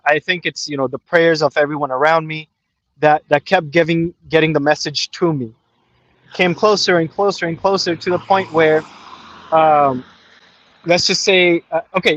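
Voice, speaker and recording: Calling from outside, a twenty-something caller who grew up in Pakistan, later moved to Canada, and speaks Urdu natively relates his story in a loose, slangy way, often saying "you know." His voice is a little high and a bit bright, and the recording is muffled with no room sound.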